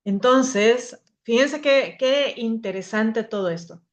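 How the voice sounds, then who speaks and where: A woman's voice: on the high side, slow. A young woman teaching a spoken grammar lesson to a class, explaining patiently, often restarting her words.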